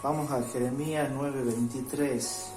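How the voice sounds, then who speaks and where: A man gives a home devotional sermon at a mid-range pitch. He reads verses slowly and checks in with his listeners with a repeated "¿sí?". The sound is roomy and echoey, with soft music underneath. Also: fairly even intonation. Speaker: preacher. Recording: roomy echo with faint music.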